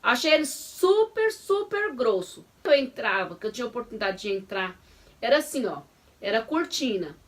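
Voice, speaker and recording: A woman's voice: a little high, very animated, moderate pace. A middle-aged woman, telling a story vividly and acting out the dialogue. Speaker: guest, vlogger's mother. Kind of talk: personal testimony chat.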